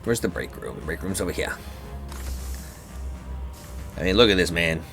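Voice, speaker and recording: A man's voice: sits low, normal speed, vocal fry, music in the background. Crude, joking game streamer man. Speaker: host of a game playthrough. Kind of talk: casual gameplay commentary.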